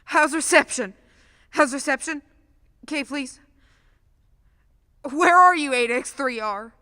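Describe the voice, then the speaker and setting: A woman's voice: sits high, lively intonation, sharp tone, exaggerated voice. A woman playing an anxious ham radio operator calling out. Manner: slow, insistent repeated calling. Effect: ham radio call, repeated call signs. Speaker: amateur radio operator in a stage radio play. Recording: distant voice in a reverberant hall.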